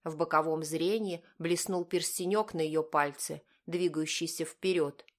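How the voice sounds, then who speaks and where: A woman reading a novel as a scripted audiobook narration, in a measured, even way. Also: sits low.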